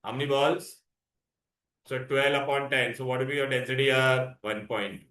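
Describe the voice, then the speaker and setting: Bright-voiced Indian man teaching, echoey room. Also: mid-range voice, steady tone, normal speed. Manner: asks frequent questions, prompting for answers; mixes Hindi words into English. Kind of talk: interactive classroom science lesson. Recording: echoey, roomy sound.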